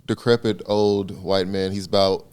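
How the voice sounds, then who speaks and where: A man co-hosting a comedy podcast, joking in a deadpan way with bursts of laughter. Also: low-pitched, a little slow, smooth. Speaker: podcast co-host. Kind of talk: casual comedy chat.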